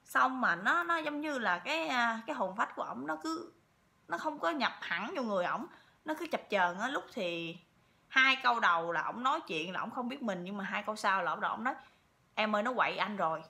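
A woman's voice: fairly high pitch, animated, a little fast, vocal fry, sharp tone. A woman telling a story to her viewers in a chatty way, repeating words often. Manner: chatty, with many repeats and fillers. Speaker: vlogger.

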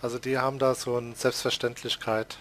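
A slightly bright, mid-range voice with flat delivery belongs to a let's play host from the Palatinate, who talks a little fast in a Palatinate German accent. He chats casually over a farming game, often laughing and ribbing himself, with slight background noise present.

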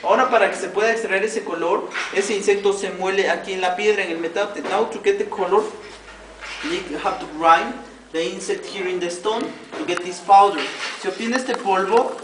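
A man's voice: sits high, normal speed. A man with a Mexican Spanish accent guiding tourists through a weaving demonstration, explaining each step in Spanish and then repeating it in English. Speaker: weaving cooperative guide. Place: weaving workshop with visitors. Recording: distant, roomy camera audio with background noise.

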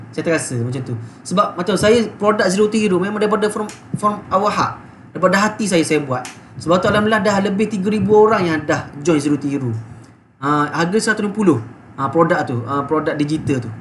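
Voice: mid-range voice, quick pace, slight background noise. A coach with a Malaysian Malay accent giving a live sales coaching talk in a chatty, fervent and emotional way, laughing often, recorded on a phone. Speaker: online business coach.

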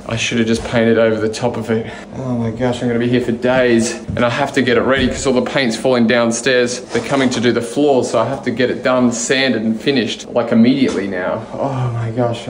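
A man's voice: medium pitch, darkish tone. A man in his thirties filming himself on a phone with a lapel mic while renovating an empty house, chatting and explaining his work with some frustration. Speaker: home renovation vlogger. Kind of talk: casual self-filmed vlog. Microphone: lapel mic, phone held at arm's length. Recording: echoey bare rooms with noise.

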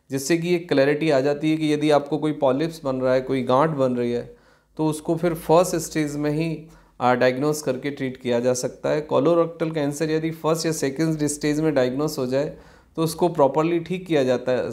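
A man in his forties speaks as a physician, recorded at desk distance in a small clinic office. His voice sits a little high for a man. He explains things in an unhurried way, with frequent filler sounds and English medical words. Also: darkish tone. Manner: explanatory, unhurried, many fillers, mixes English terms into Hindi. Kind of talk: health education talk to camera.

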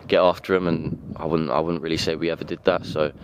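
A young adult footballer gives an earnest, halting post-match interview into a handheld mic, standing on a pitch outdoors at night. His tone stays level, with background noise around him.

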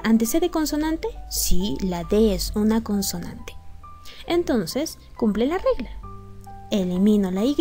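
Woman, teacher, step-by-step grammar lesson, higher voice, mellow tone, soft music behind. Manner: patient, step-by-step, asks students rhetorical questions. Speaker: English teacher. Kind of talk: video lesson explaining grammar rules.

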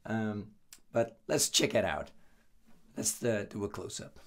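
A man from the Netherlands with a hoarse, worn voice, giving a loose, chatty guitar lesson full of fillers. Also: fairly low pitch, slow pace, a bit bright. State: hoarse, losing his voice. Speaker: guitar teacher. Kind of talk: casual video lesson.

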